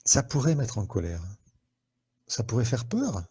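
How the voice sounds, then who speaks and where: A man's voice: mid-range voice, huge pitch swings, a little slow, dark tone, husky. A French man, a therapist, hosting a live online talk to viewers, conversational and full of questions and fillers, on a headset mic.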